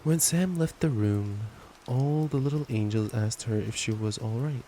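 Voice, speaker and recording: With rain falling steadily in the background, a young man does boyfriend-style ASMR and reads at bedtime. He has a medium-pitched voice and a measured pace, and he sounds affectionate, casual and playful. The recording is rough.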